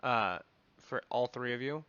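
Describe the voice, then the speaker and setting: A man's voice: medium pitch, expressive, measured pace, pushed and bright, clear, resonant tone, dry recording. Guy running a tabletop game, rambly, lots of "like", dry muffled audio. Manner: rambling, filler-heavy description. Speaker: game master.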